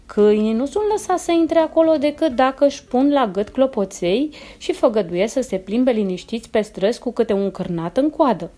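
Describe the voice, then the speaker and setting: A woman's voice: a little high, lively intonation, few pauses, dark tone, natural voice. A woman voicing a sly, scheming female neighbor cat in a children's storybook. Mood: coaxing.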